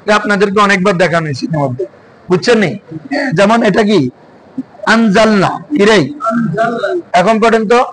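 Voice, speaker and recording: Bangladeshi guy teaching grammar, keeps firing questions at the class, high voice. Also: moderate pace, long pauses, a bit bright, a little hiss or hum, low-quality recording. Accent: Bangladeshi Bengali. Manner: drills students with repeated questions. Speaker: madrasa teacher. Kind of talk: classroom Arabic grammar lesson.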